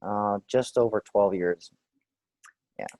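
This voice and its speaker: A man in his forties from Texas, answering questions in a clinical interview in a relaxed, hesitant way with many fillers. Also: on the low side, takes it slowly, no room sound. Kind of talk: role-play clinical interview.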